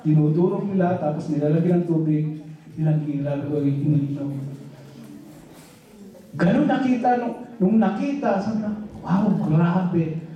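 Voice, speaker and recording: A man's voice: high-pitched, lively intonation, normal speed, pauses often, highs cut off. A male pastor preaching a sermon in a church, in a loose conversational style with rhetorical questions. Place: church hall. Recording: echoey hall, voice from far off.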